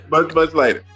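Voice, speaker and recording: Animated laughing man hosting a podcast. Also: a little high, breathy edge. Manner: animated, laughing, repeats "okay?". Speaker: podcast host. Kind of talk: casual chat.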